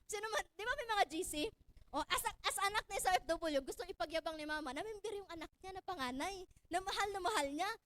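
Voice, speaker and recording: A young woman from Cebu telling her own story to an audience in a lively, laughing way, often raising her voice to exclaim. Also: very high-pitched, fast talker. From Cebu, Philippines. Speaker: speaker sharing her story.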